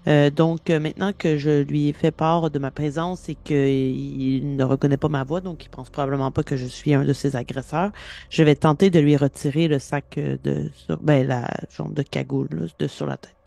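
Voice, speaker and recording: Quebecois guy, kinda high voice, thinking out loud at the game table. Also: fairly even intonation, moderate pace, gravelly, no room sound. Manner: thinking aloud, casual. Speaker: player. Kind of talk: casual tabletop game play.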